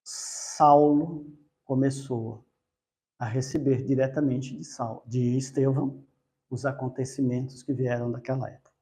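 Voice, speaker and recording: Slow-talking man retelling a story. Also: mid-range voice, steady tone, warm tone. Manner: unhurried storytelling with self-corrections. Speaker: spiritist study speaker. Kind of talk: storytelling religious talk.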